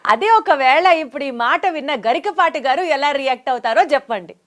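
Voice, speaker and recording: Playful high-voiced woman host. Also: expressive, brisk, fairly bright tone. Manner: playful, chatty questioning. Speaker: interview host. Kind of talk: casual interview chat.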